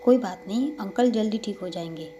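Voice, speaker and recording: A woman voicing a caring young cardiologist who is a doting mother, talking softly and affectionately. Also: mid-range voice, lively intonation, a little fast, slight background noise, natural voice. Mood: gentle. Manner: soft, affectionate pleading.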